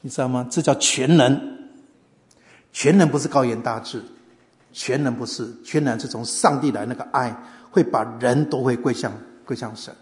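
A man's voice: mid-range voice, normal speed. A man preaching a sermon, telling stories and asking the listeners questions. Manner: storytelling, asks the audience questions. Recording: long hall reverb.

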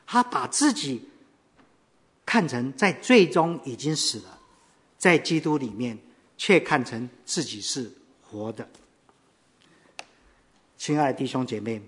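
A male pastor preaching a sermon with animated storytelling and rising emphasis. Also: fairly high pitch, husky.

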